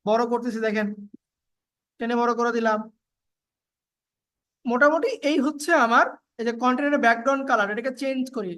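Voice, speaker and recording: Woman, slightly high voice; relaxed screen-tutorial narrator, halting with fillers. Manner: casual, step-by-step, with frequent fillers and repeats. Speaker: video editing tutor. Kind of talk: screen-recorded software tutorial.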